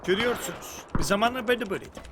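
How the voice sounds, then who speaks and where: A young man streaming a game, chatting profanely and joking, flaring into mock-angry shouting. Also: sits high, rapid-fire, heavy background noise. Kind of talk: casual live-stream gaming commentary. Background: music.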